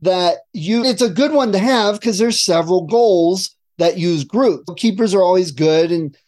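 A man co-hosting a casual talk show, telling an animated story and laughing often. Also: high voice, a little slow. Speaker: podcast co-host.

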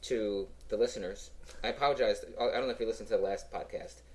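A man's voice: lowish voice, fast talker, darkish tone. Hungover man hosting a casual podcast. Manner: talking while eating. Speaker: podcast host. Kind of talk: casual interview chat.

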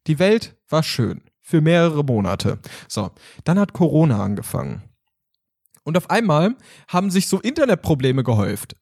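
A man's voice: a little high, a little mellow. A man casually chatting on a podcast, telling a story with lots of energy and acting out phone calls. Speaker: podcast host. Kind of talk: casual chat.

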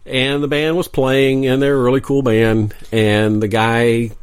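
A man's voice: mid-range voice, flat delivery, measured pace, smooth, no room sound. A man co-hosting a podcast, telling a story in a wry, joking way. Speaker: podcast co-host. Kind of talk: casual storytelling chat. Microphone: podcast microphone.

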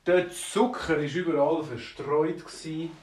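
A man with a Swiss German accent telling a children's story in a lively, animated way. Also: a little high, slow. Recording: roomy, from a distance.

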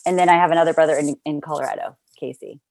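A woman's voice: low-pitched, steady tone, racing, darkish tone, no room sound. Chatty upbeat woman, dry close sound. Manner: chatty, upbeat, laughs easily. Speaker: actor. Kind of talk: casual chat. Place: Los Angeles area.

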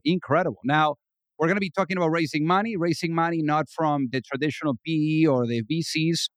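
An upbeat man hosts a business interview podcast, his voice sitting fairly high and peppered with filler phrases. The sound is dry and close. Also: dry recording. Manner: upbeat, filler-heavy, lots of you know. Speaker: podcast host.

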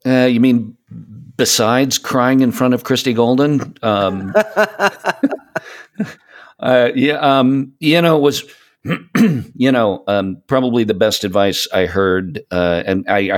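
On a podcast about gaming, a co-host in his late fifties chats casually in a fairly low voice. He sounds reflective and conversational, frequently pausing as he collects his thoughts.

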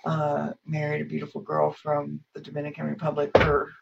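A woman hosting a podcast in conversational interview style, reacting with warm enthusiasm. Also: low-pitched, monotone, brisk, gravelly, heavy background noise. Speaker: podcast host. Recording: dull lo-fi sound.

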